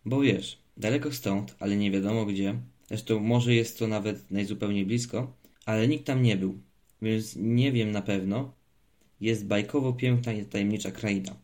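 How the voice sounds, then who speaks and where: A man voicing a playful, teasing father who spins a mysterious tale in a hushed voice. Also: fairly low pitch, steady tone, moderate pace, close to an everyday voice. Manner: mock-mysterious, half whispering when telling tales.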